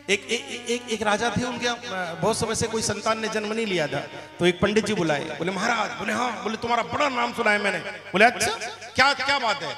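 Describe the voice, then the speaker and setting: A man's voice: high-pitched, normal speed. A man preaching a storytelling sermon, animatedly acting out each character's lines. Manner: animated, acts out the characters' dialogue. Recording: echoey hall with faint music.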